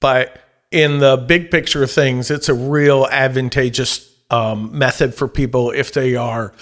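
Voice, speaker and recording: A man's voice: medium pitch, fairly even intonation, fairly bright tone. A middle-aged man, a professional Santa and auctioneer, telling his story in an easygoing, casual interview. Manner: easygoing storyteller, breaks into quick auctioneer chant.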